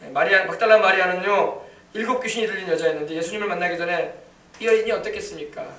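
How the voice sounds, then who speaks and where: A man preaching a sermon as pastor of a church, emphatic, breaking into shouted commands. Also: sits high, racing, echoey room, distant mic.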